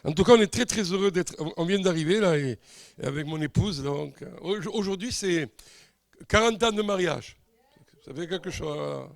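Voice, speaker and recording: A man in his sixties with a southern French accent, preaching a sermon with measured, emphatic contrasts. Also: sits high, lively intonation, gravelly, no echo. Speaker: visiting preacher.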